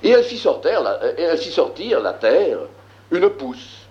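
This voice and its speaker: A man teaching a lesson, reading scripture aloud and explaining it, slow and emphatic, with frequent filler words. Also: fairly high pitch, big pitch swings, darkish tone, roomy sound, lo-fi sound. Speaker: Bible teacher.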